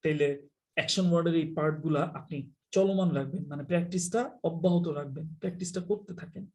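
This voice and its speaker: A man's voice: a little high, a little fast, darkish tone. A man from Bangladesh teaching English in a live online class, chatty and teasing, mixing in English phrases.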